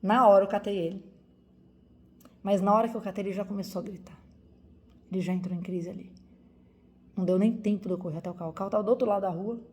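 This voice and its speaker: Woman from Brazil, forties, doctor, personal story to viewers, emotional and repetitive, mellow warm tone. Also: mid-range voice, steady tone, fast, long pauses, a little hiss or hum. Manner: emotional, vivid retelling with repetition.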